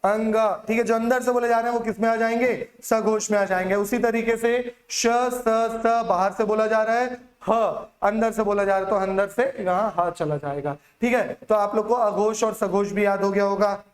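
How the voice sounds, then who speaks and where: A man's voice: high-pitched, steady tone, normal speed, few pauses, roomy sound. A male Hindi teacher giving an exam-prep lecture, drilling students by asking questions and answering them himself.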